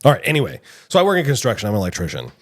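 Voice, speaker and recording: A middle-aged man co-hosting a casual podcast, talking in an animated way and often restarting his sentences. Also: mid-range voice, rapid-fire. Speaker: podcast co-host. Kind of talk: casual chat.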